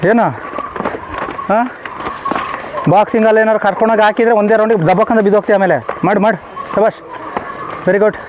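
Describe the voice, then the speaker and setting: A high-pitched male coach drills a children's boxing class outdoors, counting out reps and snapping short orders. He praises and scolds the kids in the same blunt, clipped way. Steady outdoor noise sits behind his voice. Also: fairly quick, long pauses, highs cut off. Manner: barks commands and counts reps. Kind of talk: live training class. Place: outdoor training ground. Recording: noisy outdoor recording.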